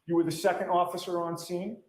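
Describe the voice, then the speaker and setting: A man's voice: sits high, level tone, fast talker, darkish tone, a little hiss or hum. A man questioning a witness as defense attorney, firing pointed leading questions that end in "correct?". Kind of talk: courtroom cross-examination. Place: courtroom. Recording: echoey courtroom.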